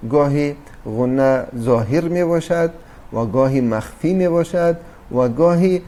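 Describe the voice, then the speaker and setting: A man with a mellow voice on the high side teaches a recorded Quran recitation lesson, explaining patiently with fillers and restarts. He addresses his listeners as dear brothers and sisters.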